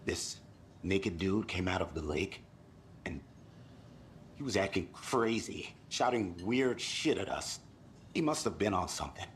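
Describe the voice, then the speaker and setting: Brief: crude, rambling tourist husband in a game, slow, drawn-out delivery, big swings in pitch, low voice. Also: male voice, lively intonation, slight background noise. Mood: shaken. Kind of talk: video game dialogue.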